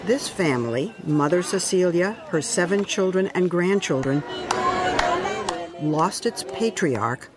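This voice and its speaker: A woman narrates a television news report in a slightly low voice. She reads the script in a measured, grave way. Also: lively intonation, loud music behind the voice. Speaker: news correspondent.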